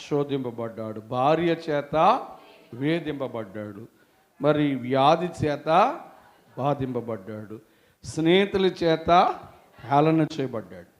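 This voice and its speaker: A male pastor preaching a sermon, swinging between hushed murmurs and loud, fervent exhortation while asking his congregation rhetorical questions. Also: mid-range voice.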